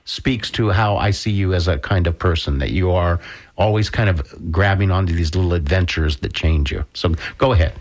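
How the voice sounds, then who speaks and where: A man's voice: low-pitched, normal speed. A man hosting a radio conversation, encouraging his guest with affirming remarks. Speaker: radio host. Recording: radio studio.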